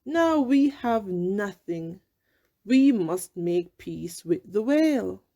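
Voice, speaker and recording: A woman's voice: mid-range voice, expressive, takes it slowly, mellow. A woman voicing an earnest, peace-seeking male storybook fish with a pleading manner. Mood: exasperated, resolute.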